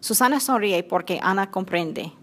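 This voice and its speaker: A woman narrating a simple storybook in a clear, measured reading voice. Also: mid-range voice, expressive.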